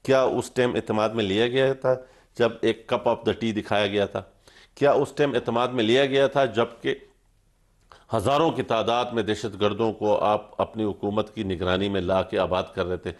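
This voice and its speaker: A man's voice: lowish voice, steady tone. A man, a parliamentarian guest on a political debate show, arguing heatedly and repeating his points. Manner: heated, repetitive, pleading.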